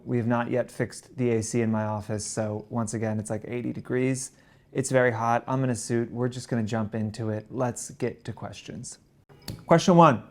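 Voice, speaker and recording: A man hosting a solo talk show and answering questions point by point, his speech slightly impeded by missing back teeth and stitches. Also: medium pitch. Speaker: podcast host.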